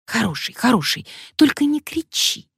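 A woman's voice: on the high side, sing-song, moderate pace, vocal fry, a bit bright, husky, dry recording, studio quality, voice pushed up, heavily acted. A woman voicing a bossy, ironic middle-aged woman.

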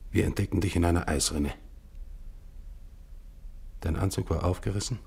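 A man's voice: deep voice, moderate pace, creaky, darkish tone, breathy edge, heavily acted. An actor playing a grim, exhausted male polar expedition captain, narrating in a solemn, psalm-like recital for a 1950s radio play. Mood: somber.

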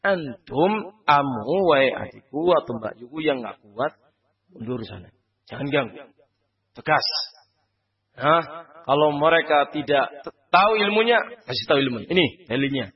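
A man preaching a study sermon, asking the audience rhetorical questions and swinging between loud and hushed delivery. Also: fairly high pitch, expressive, normal speed, breathy edge, highs cut off.

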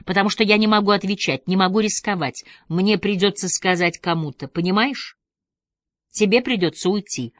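A woman voicing a cautious, gently firm woman in an audiobook reading. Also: medium pitch, moderate pace, no echo, clean studio sound, pitched above the performer's own voice, lightly acted. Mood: careful.

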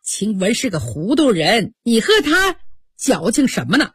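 A woman's voice: on the high side, wildly swooping pitch, measured pace, husky, no echo, studio quality, heavily acted. A woman voicing a patient young senior maid who speaks in a placating, reasoning way.

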